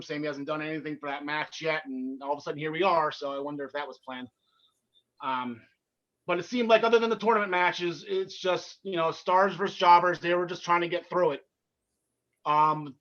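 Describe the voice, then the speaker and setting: High-voiced and edgy-bright, a man with a North Jersey accent co-hosts a casual wrestling podcast, tumbling quickly through his opinions on the show and restarting when he trips up. The sound quality is lo-fi and muffled.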